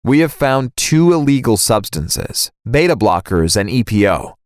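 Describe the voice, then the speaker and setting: A man doing a low blunt soccer coach. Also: very animated, measured pace, no room sound, clean studio sound. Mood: grave.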